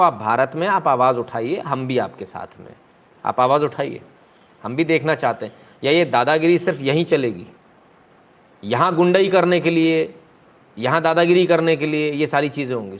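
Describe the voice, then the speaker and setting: A man delivers heated political commentary in a taunting, rhetorical way. He fires off mocking questions and breaks into loud, jeering bursts. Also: medium pitch.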